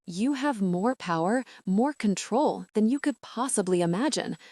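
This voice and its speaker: A woman's voice: mid-range voice, expressive, a little slow, a little mellow, no room sound, clean studio sound. A woman voicing an intense, protective, dominant billionaire man who speaks tenderly and earnestly.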